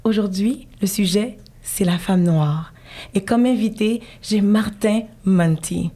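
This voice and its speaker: A woman's voice: mid-range voice, takes it slowly, warm tone. A woman hosting an interview show, attentive and encouraging her guest with short interjections. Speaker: host.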